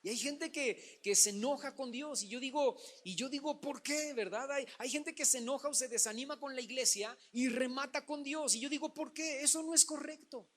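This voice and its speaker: A pastor delivering a Sunday sermon, addressing the congregation as brothers and acting out Bible stories. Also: male voice, very high-pitched, moderate pace, hardly any pauses, a bit bright.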